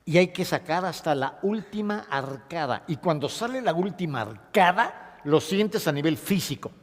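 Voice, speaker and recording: A man's voice: on the high side, normal speed, big-room sound. A man giving a classroom lecture. He speaks expressively and dictates points for his listeners to write down. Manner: expressive, acts out sobs and dictates points to note.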